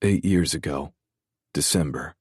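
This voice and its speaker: A man narrating a first-person romance audiobook in a measured, brooding way, swearing freely. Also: very deep voice, husky, no echo, clean studio sound.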